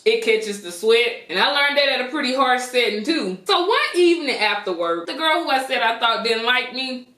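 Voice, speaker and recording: A woman's voice: on the high side, lively intonation, normal speed, few pauses, bright, forceful tone. An American woman telling a casual, slangy story while eating, animatedly acting out what people said. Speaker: storytime mukbang vlogger. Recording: roomy echo, faint music behind.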